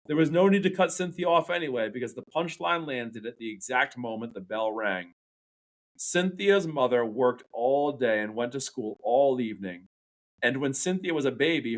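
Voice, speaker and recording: Animated male teacher reading aloud. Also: medium pitch. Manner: animated storytelling, acts out the dialogue. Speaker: English teacher.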